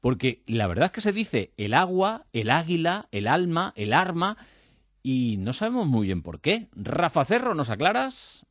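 A man's voice: on the high side, measured pace. A man hosting a radio show, bantering and introducing segments. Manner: lively, laughing banter. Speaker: radio host. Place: radio studio.

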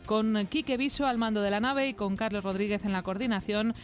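A woman's voice: mid-range voice, fairly even intonation, fairly quick. A female sports presenter with a Spain accent speaks in broadcast style. She moves between bulletin reading and chat, with faint music underneath.

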